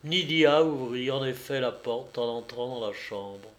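A man narrating a classic novel as an audiobook in a measured, expressive way. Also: mid-range voice.

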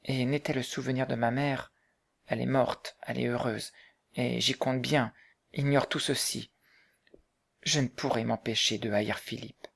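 A man reading the part of a bitter, grieving young mother, speaking softly and subdued in an audiobook. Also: mid-range voice, steady tone, a little slow, creaky. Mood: weary, bitter. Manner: soft, subdued, hushed.

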